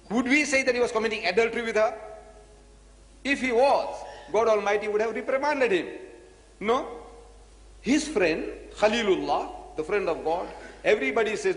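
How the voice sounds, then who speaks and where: A man preaching to an audience, emphatic and full of rhetorical questions and repeated phrases. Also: high-pitched. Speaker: Islamic preacher. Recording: echoey hall recording.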